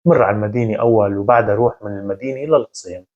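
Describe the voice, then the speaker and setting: A man voicing a worried older mother who softly pleads with her son. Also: fairly low pitch, rapid-fire, highs cut off, pitched below the performer's own voice, close to an everyday voice. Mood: worried, pleading.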